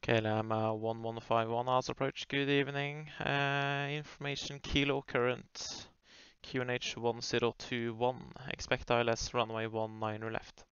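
A man's voice: medium pitch, little pitch movement, normal speed, fairly bright tone, smooth, dry recording. A man working as an air traffic controller, giving clipped, polite procedural calls over the radio. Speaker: air traffic controller on a flight simulation network. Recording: muffled lo-fi radio audio.

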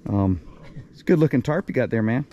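A man's voice: medium pitch, animated, fairly quick, dark tone, slight background noise. A man, chatting and joking at an outdoor riverside campsite while filming on a handheld camera. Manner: joking, laughs often. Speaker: vlogger filming a camping trip. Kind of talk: casual chat.

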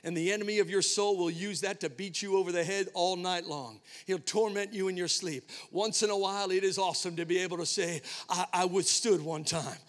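A male pastor preaching a sermon, telling a personal story with dramatic swings between hushed and emphatic delivery. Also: high voice, fairly even intonation, fairly quick, hardly any pauses, long reverb tail. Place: church sanctuary.

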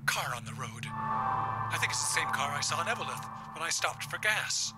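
A man's voice: a little high, animated, normal speed, over music, natural voice. An actor playing a frantic, secretive old grandfather who stammers and pleads urgently. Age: older. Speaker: grandfather on a payphone.

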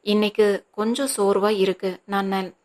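A worn-out, loving mother soothes her son in a soft, tired way, as a woman reads her part in an audiobook. The voice stays level and even. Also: medium pitch, moderate pace, natural voice. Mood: reassuring. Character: worried, tender mother reassuring her son.

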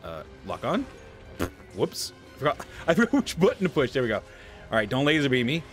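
A gaming streamer in his thirties sits at his desk at home, rambling casually through gameplay commentary with a slightly stuffy nose. His medium-pitched voice swings hugely in pitch, and he talks briskly with a fairly bright tone. Soft music plays in the background.

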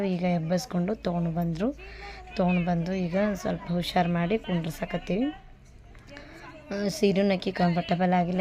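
Chatty low-voiced woman. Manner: chatty, repeats herself, explains customs step by step. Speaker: vlogger. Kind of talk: casual narration over family ceremony footage.

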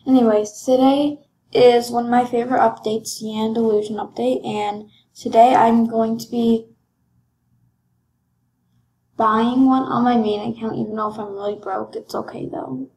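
Slow-talking young woman game vlogger. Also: fairly high pitch, flat delivery, darkish tone, roomy sound, a little hiss or hum, poor audio. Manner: chatty, rambling, self-deprecating. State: voice cracking. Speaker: gaming vlogger. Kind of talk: casual game commentary.

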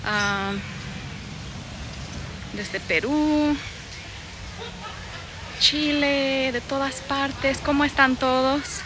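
A Bolivian woman in her thirties hosts a casual live stream, strolling through a garden and greeting viewers with her phone held at arm's length. Her voice sits high with fairly even intonation, drawn-out words, and frequent pauses. The noisy outdoor phone recording picks up birds and general outdoor ambience.

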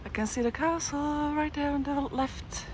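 A woman's voice: high-pitched, fairly even intonation, moderate pace. A woman giving casual, playful walking-tour commentary outdoors by a river, musing aloud as she goes. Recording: outdoor recording with street noise.

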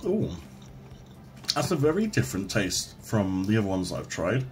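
A man's voice: fairly low pitch, big pitch swings, moderate pace, a little mellow, a little hiss or hum. A man reviewing food in a casual vlog, talking plainly while chewing with his mouth full.

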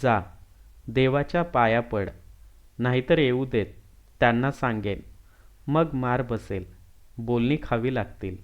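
A man's voice: mid-range voice, slow, long pauses, highs cut off, natural voice. A man voicing a stern but loving village mother who scolds firmly and evenly.

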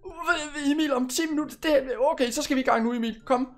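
A man's voice: very high voice, soft background music. A man hosting a Minecraft role-play, talking in a hesitant, stammering, easily flustered way. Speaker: channel host.

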